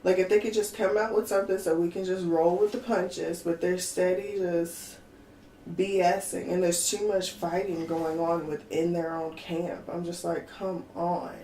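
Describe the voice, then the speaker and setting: A woman co-hosting a podcast, ranting in casual chat with an exasperated, animated manner and lots of fillers. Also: lowish voice, moderate pace. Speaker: podcast co-host. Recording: echoey room with faint noise.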